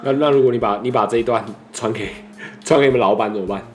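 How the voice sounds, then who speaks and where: A man's voice: medium pitch, quick pace, soft background music. A young man with a Taiwanese Mandarin accent chatting casually as a podcast guest, playful and talkative, often repeating himself. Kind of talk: casual chat.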